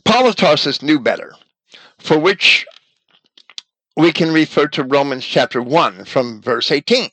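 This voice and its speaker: A man giving a measured, deliberate lecture on scripture and language, now and then pausing to correct himself. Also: on the high side, animated, a bit bright, no room sound, rough recording.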